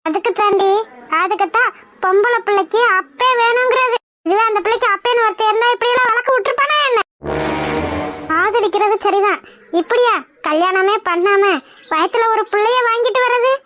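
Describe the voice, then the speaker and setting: A woman voicing a scornful, nagging middle-aged village gossip in a cartoon, with a shrill delivery. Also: a little fast, fairly bright tone. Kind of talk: cartoon voice acting.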